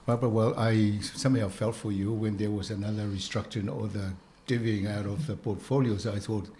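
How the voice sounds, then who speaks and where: A man's voice: lowish voice, steady tone, a little fast, warm tone, slight background noise. A man with a Samoan accent hosting a casual radio interview. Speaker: radio host.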